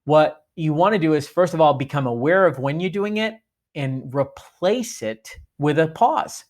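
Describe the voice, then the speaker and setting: Boston-accented man coaching sales staff. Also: on the high side. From Boston, United States. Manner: lively, demonstrative, often slows for emphasis. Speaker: sales communication trainer. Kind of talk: instructional training talk.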